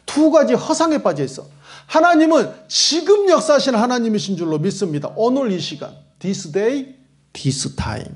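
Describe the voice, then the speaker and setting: A man's voice: extremely high pitch, big pitch swings, moderate pace. A male pastor delivering a sermon in a church sanctuary, preaching with emphatic, repetitive phrasing and acted-out quotes.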